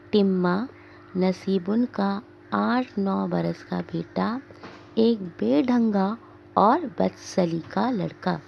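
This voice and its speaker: A woman teacher reading a drama aloud for her class, giving the scene directions slowly and deliberately. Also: medium pitch, vocal fry, a little hiss or hum. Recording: dull lo-fi recording.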